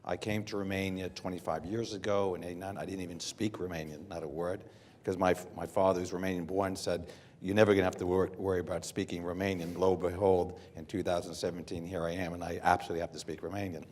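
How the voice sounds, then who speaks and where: Deep-voiced American man on a panel. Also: flat delivery, a little mellow. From United States. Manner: unscripted, measured, with frequent fillers and restarts. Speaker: panel speaker. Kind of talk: conference panel talk. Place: hotel conference room.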